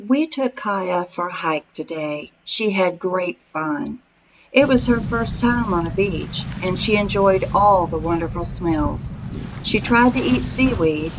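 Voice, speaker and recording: A woman's voice: medium pitch, slight background noise, low-quality recording. A woman reading a scripted voice-over narration for a vlog, in a storytelling manner.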